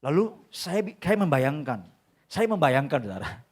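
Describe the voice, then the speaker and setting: Middle-aged male pastor, high-pitched, animated and emotional, preaching live in church. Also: normal speed. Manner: animated, emotional storytelling, keeps addressing the congregation. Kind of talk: live sermon. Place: church sanctuary.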